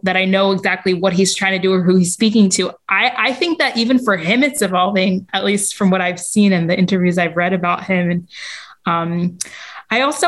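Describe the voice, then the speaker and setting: A woman's voice: mid-range voice, a bit bright. A woman talking as a podcast guest, sharing a meandering, chatty story in casual interview conversation.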